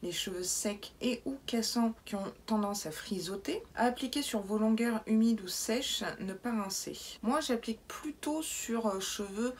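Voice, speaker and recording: A woman's voice: a little high, measured pace, hardly any pauses, slightly rough. A young woman vlogger chatting wryly through a beauty box unboxing, now and then dropping into whispered asides. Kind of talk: casual unboxing commentary.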